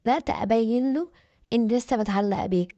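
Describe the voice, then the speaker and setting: Fast-talking Egyptian woman telling a story. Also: fairly high pitch, warm tone, dry recording, highs cut off. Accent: Egyptian Arabic. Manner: earnest, confessional. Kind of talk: dramatic first-person story narration.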